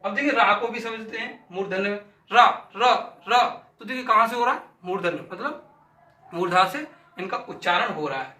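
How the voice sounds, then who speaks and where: A man teaches a lesson in a high, piercingly bright voice. He sounds out syllables over and over and poses questions he then answers himself. He is heard from a distance in an echoey room. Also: animated, a little fast. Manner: demonstrates sounds by repeating syllables aloud; asks and answers his own questions. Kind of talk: classroom lesson.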